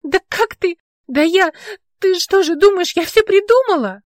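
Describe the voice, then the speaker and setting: A woman voicing a frightened, distrustful young woman who stammers and breaks into shrill outbursts. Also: fairly even intonation, normal speed, no echo, studio quality, close to an everyday voice. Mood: distraught.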